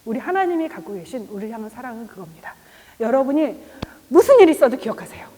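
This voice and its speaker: A middle-aged woman delivers a sermon in a high, bright voice. She tells stories with laughter and softens to a hush at tender moments. The long reverb of a chapel trails each phrase. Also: big pitch swings, fast, slight background noise. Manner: warm storytelling with laughs, drops to a whisper for God's voice. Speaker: preacher. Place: church chapel.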